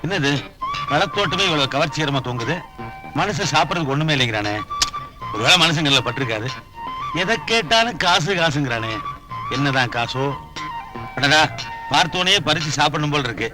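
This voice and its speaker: A man's voice: on the high side, expressive, moderate pace, pauses often, over music, lightly acted. An actor playing a god visiting earth as a man, who asks innocent, wondering questions in a Tamil film comedy. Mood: curious.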